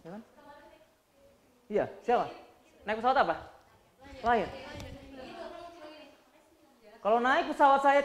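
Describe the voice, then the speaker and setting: A man teaching cabin-crew students in a lively, joking way, acting out examples of how to speak. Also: high-pitched. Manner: animated, joking, acts out examples. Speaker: flight attendant trainer. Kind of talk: training lecture to students.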